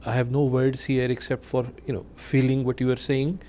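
A man hosting a TV interview, asking questions in a measured, hesitant way with many fillers. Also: mid-range voice, level tone, warm tone, a little hiss or hum. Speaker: talk show host. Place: TV studio.

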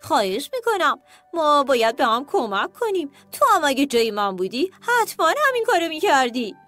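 A woman voicing a kind, helpful pigeon in a children's story, speaking softly. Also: high voice, sing-song, faint music behind.

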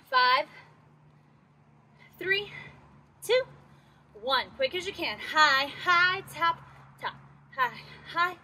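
Woman fitness instructor, winded, high and bright, unhurried countdown cues. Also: animated. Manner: encouraging, counts down intervals, works out while talking. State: out of breath. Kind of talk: workout class cueing with countdowns.

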